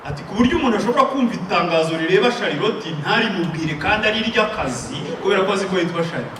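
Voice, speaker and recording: A Rwandan man preaches a sermon full of emphatic call-and-response, pacing it for an interpreter, his high voice animated and racing. He's captured from far off in an echoey room, and the recording is noisy.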